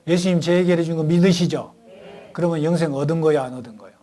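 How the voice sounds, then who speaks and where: A man preaching a sermon, firing call-and-response questions at the congregation and telling stories animatedly, swinging between loud and hushed. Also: fairly high pitch, quick pace. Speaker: pastor. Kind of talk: sermon at a Bible lecture.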